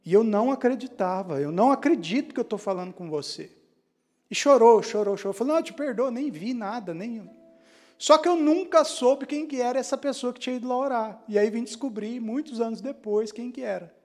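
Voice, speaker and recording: A man preaching a testimony sermon, telling his story and quoting others in hushed voices. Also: very high-pitched, fairly quick, faint music behind.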